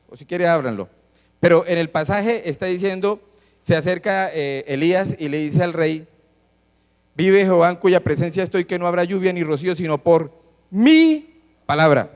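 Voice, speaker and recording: A man's voice: high-pitched, darkish tone. A man preaching a sermon to a congregation, teaching as he reads scripture aloud and asks the listeners questions. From Colombia. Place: church hall. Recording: long church-hall reverb.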